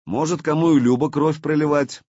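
A man's voice: fairly high pitch, fairly even intonation, a little mellow, breathy edge, no room sound, lo-fi sound, voice pushed up. A man voicing a cautious commanding prince. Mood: confident. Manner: authoritative, measured.

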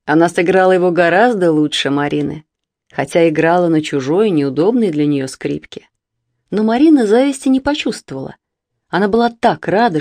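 A woman's voice: lowish voice, darkish tone, no room sound. Woman reading a children's story. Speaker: audiobook reader. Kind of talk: storybook narration.

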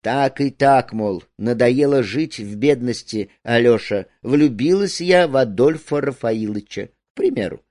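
A man's voice: medium pitch, a little mellow, no room sound, studio quality, close to an everyday voice. A man doing a sly, scheming woman. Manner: conspiratorial, slow, knowing.

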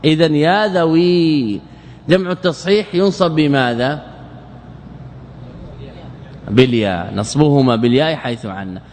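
A man's voice: on the high side, unhurried, long pauses, darkish tone, a little hiss or hum. A man giving a classroom grammar lesson, asking his students questions, answering them himself and repeating key phrases for emphasis. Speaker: teacher of Arabic grammar. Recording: long reverb of a lecture hall.

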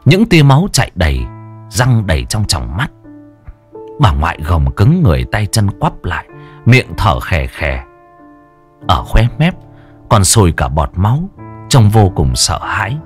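A man narrating a dramatic horror audiobook in an expressive storytelling manner. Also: low voice, measured pace, pauses often, soft background music.

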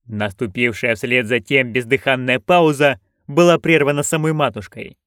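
A man narrating an audiobook in an expressive storytelling manner. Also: medium pitch, moderate pace, clear, resonant tone, no echo, clean studio sound.

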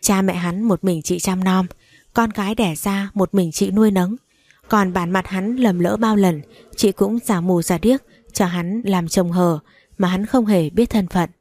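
Woman narrator, audiobook storytelling, warm mellow tone, dry close recording. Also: mid-range voice, fairly even intonation, measured pace, no room sound. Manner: storytelling, voicing angry and pleading characters in dialogue.

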